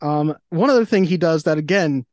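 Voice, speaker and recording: Animated laughing woman podcaster. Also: sits low, moderate pace, dry recording, studio quality. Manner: laughing, animated, acts out reactions in quoted voices. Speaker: podcast co-host. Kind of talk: casual chat.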